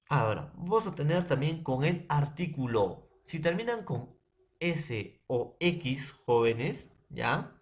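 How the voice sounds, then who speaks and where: A man teaching a grammar lesson to a class, slow and repetitive, often checking in with his students. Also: medium pitch.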